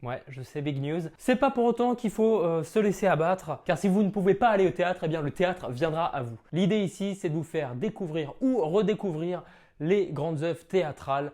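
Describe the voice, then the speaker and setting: A man's voice: sits high, lively intonation, moderate pace, darkish tone. A man presenting a theatre video in a casual, jokey way, with playful theatrical asides.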